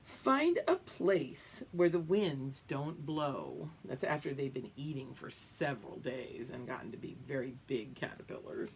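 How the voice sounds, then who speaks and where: Her voice rumbles low, and a faint hiss or hum sits under the recording. The teacher reads a picture book to her young class, stretching out each line with feeling and stopping to explain and make sure they're following.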